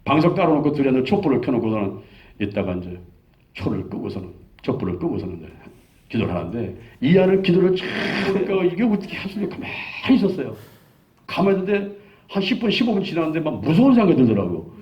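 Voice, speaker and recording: Animated Korean pastor in his sixties. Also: on the high side, fast. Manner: animated storytelling, acting out quoted dialogue. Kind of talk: sermon testimony. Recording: dull lo-fi sound.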